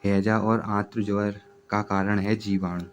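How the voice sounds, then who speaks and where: A man teaching exam preparation, reading out multiple-choice questions and their answers in a steady, repetitive way. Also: lowish voice, unhurried, a little hiss or hum.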